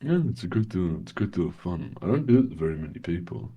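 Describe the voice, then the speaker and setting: A man's voice: deep voice, expressive, fast, breathy edge, highs cut off. A man with an English accent, chatting casually as a guest who rambles and laughs often. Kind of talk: casual chat.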